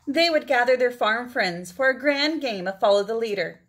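In a small room at home, a woman in her forties reads a picture book to children, stretching out words for effect and tossing in asides to them. Her voice sits fairly high and a bit bright, with lively intonation at a normal pace.

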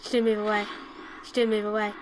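A woman's voice: medium pitch, flat delivery, quick pace. A young woman playing a horror game alone at home, commenting casually, jumpy and swearing as she panics. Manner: jumpy, swears a lot, panics and repeats herself. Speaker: let's play host. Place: her room at home. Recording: noisy home recording with buzz.

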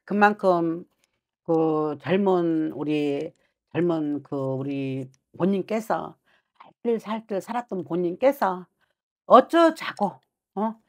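A woman's voice: on the low side, slow, a little mellow. A middle-aged woman works as a fortune teller and talks from her desk in a small shrine office. She is blunt and scolding, and she speaks her client's inner thoughts aloud, pressing hard on every point. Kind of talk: fortune-telling consultation.

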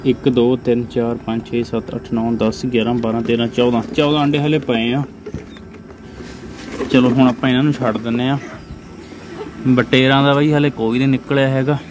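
A mid-range male voice with little pitch movement, speaking at normal speed, belongs to a young farm vlogger from India with a Punjabi accent. He addresses phone viewers as friends in casual commentary from a poultry farm's sheds and yard. Clucking chickens and birds make it noisy.

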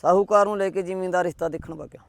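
A man's voice: high-pitched, steady tone, racing, creaky. A man telling a village folk tale in a rustic style, quoting each character with "he says". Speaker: storyteller.

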